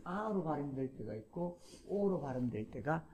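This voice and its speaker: A man lecturing to a class, explaining step by step, repeating key terms and pausing with fillers. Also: a little high, big pitch swings, a little mellow, slight background noise.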